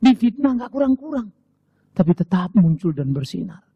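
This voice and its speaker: Man, Indonesian pastor, sermon, husky voice, dry sound, shouts and whispers. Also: high voice, moderate pace, no echo, lo-fi sound. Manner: animated preaching, swinging from shouts to whispers.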